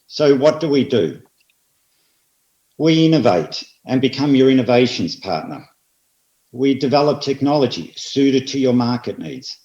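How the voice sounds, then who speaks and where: An Australian man presenting at an industry seminar, speaking in a measured way and hitting repeated phrases with emphasis. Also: medium pitch, lively intonation, warm tone. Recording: roomy, slightly dull audio.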